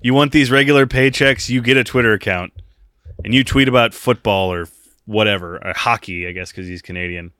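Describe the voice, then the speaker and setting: An American man co-hosts a podcast, rambling through casual, jokey chat and laughing often. His voice sits lowish and fairly bright, and he talks at a brisk clip. The studio-quality recording has no room sound.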